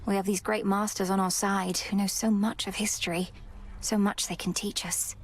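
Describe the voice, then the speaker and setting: A woman's voice: medium pitch, flat delivery, moderate pace, close to an everyday voice. A woman voicing an earnest young witch princess. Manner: earnest, polite. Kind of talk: video game voice acting.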